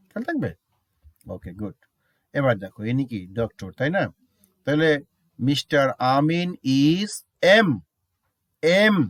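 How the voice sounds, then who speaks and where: A man teaching a grammar lesson, who keeps checking with students, mixes English examples into his explanation and repeats words slowly to show how they sound. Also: mid-range voice, fairly bright tone, no room sound, clean studio sound. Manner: asks students frequent check questions.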